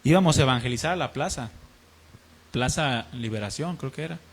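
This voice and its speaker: A man's voice: medium pitch, animated, a little fast, breathy edge. A man preaching a sermon, earnestly telling a personal testimony and acting out the dialogue in it. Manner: earnest, acts out dialogue in his story.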